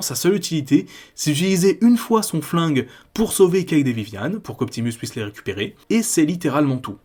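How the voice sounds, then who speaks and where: A man's voice: on the high side, a little mellow. A man from France hosting a video essay, talking in a critical, conversational way with frequent casual fillers. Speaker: YouTube host.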